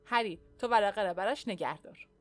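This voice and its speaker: A woman voicing a stern middle-aged male village official who gives brisk commands. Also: medium pitch, dry recording, faint music behind, close to an everyday voice.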